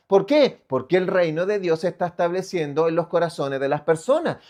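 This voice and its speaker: Emphatic high-voiced Chilean pastor preaching. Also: male voice. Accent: Chilean Spanish. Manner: emphatic preaching with rhetorical questions and frequent loud swells. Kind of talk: sermon.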